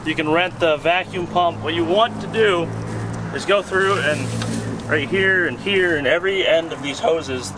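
A man hosting a car vlog who explains a repair in a casual, joking way while working outdoors beside a car. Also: on the high side. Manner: joking, self-mocking and chatty while working. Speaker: host. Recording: noisy outdoor recording with engine noise.

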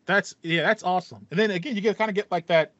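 Quick-paced and a bit bright, a high-voiced man in his thirties acts out his ideas while casually co-hosting a podcast, with no echo on his voice. He records indoors in a small home room fitted with acoustic foam, and the sound is somewhat dull and band-limited.

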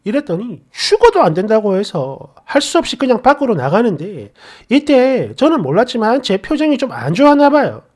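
A woman's voice: fairly high pitch, sing-song, normal speed, darkish tone. A woman narrating a personal story in a casual, exasperated, conversational way.

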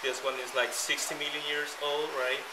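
A man's voice: a little high, level tone, moderate pace. Guy guiding a cave tour, keeps checking ppl follow, echoey and off-mic. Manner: often checks understanding with tag questions. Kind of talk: informal guided tour explanation. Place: inside and at mouth of a cave. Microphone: handheld camera a few steps away. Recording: echoey cave, distant camera mic, loud noise.

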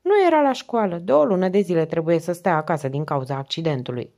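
A woman's voice: on the low side, animated, darkish tone. A woman voicing a shy, chubby schoolboy who answers questions earnestly and politely in an audiobook reading.

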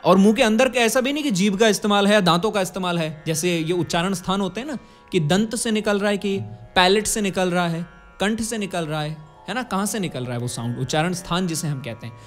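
This instructional talk on singing and diction comes from a high-voiced music teacher in his 20s with an Indian accent, speaking a little fast. He explains things step by step, demonstrates the sounds, and checks in with tag questions. Faint music plays behind him as he records on a close condenser mic in a curtained indoor studio.

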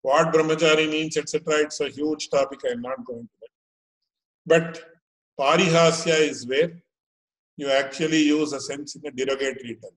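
A man in his fifties with a South Indian accent giving an informal scriptural lecture, explaining haltingly and rephrasing as he goes, with Sanskrit terms. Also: on the high side, fairly even intonation. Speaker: religious teacher. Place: small indoor room at home. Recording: echoey room, webcam-style pickup.

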